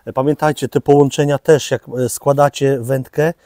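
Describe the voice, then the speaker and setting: A man's voice: medium pitch, fairly even intonation, normal speed, dark tone, dry recording, clean studio sound. A man hosting a fishing shop video in casual chat, joking and loose with fillers, with a Polish accent. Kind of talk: casual product presentation.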